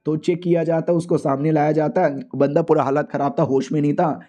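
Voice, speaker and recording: Male storyteller, high and mellow, casual slangy recap. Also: little pitch movement, brisk. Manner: slangy, playful, switches into character voices. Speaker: narrator.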